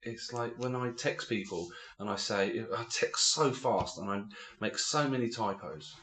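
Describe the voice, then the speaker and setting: A man in his forties from England, co-hosting a podcast and telling stories in a casual, animated way with lots of fillers. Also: on the low side, measured pace, roomy sound. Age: 40s. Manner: animated storytelling, many fillers and restarts. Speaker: podcast co-host. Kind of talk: casual chat.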